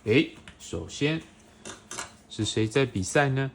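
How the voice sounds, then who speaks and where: A woman's voice: extremely low pitch, lively intonation, slow, slight background noise. A woman reading a picture book aloud to a toddler, expressively, with questions and playful sound effects. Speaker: storyteller reading a picture book to a young child. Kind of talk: animated read-aloud to a toddler.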